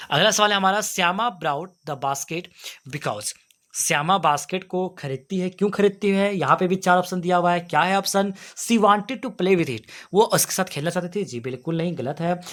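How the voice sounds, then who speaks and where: A young man from Jharkhand teaching school students, reading each English exam question and explaining it in Hindi, repeating answers and asking them questions back. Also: fairly high pitch. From Jharkhand, India. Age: young adult.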